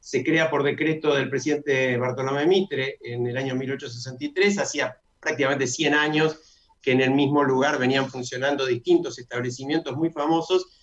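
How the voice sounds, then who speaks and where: Chatty Argentine radio host, lo-fi. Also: male voice, medium pitch, fairly even intonation, a bit bright. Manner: chatty, announces slowly and repeats details. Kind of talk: radio talk show hosting. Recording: dull lo-fi radio sound.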